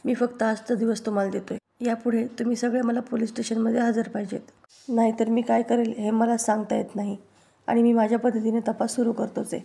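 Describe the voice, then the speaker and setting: A woman reads a stern male police inspector giving orders in a serial recap. Her pitch stays flat and narrow, and her tone is dark and mellow. There is little change from her narrating voice. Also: a little fast, creaky. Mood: commanding. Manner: commanding, issuing orders.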